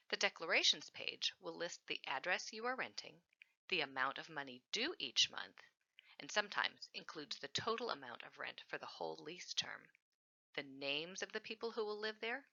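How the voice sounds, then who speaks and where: Bright-voiced woman giving scripted training. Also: on the low side, highs cut off. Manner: clear, instructive, emphatic on key words. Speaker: housing program trainer.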